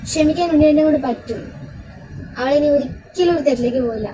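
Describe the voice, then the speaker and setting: A woman's voice: high-pitched, fast talker, mellow, natural voice, rough recording. A woman playing an earnest young woman in a home audio drama, steadily reasoning and persuading. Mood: pleading. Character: earnest young woman pleading with her elder. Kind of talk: amateur audio drama acting. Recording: recording with crowd noise behind.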